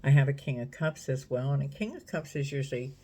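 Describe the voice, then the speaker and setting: A woman reading tarot cards in a casual, unhurried way, musing aloud and talking straight to the viewer. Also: rumbling low, dark tone. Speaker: tarot reader.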